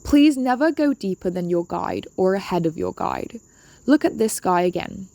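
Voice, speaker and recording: Creaky, mellow woman giving instructions. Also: medium pitch. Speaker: dive briefing presenter. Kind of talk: instructional video narration.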